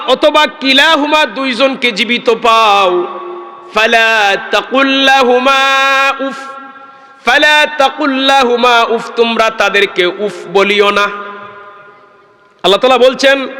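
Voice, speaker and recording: High voiced guy giving a fiery sermon, bright sharp tone, long hall echo. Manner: fervent, chanting Quranic verses, calls out to the crowd. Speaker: preacher.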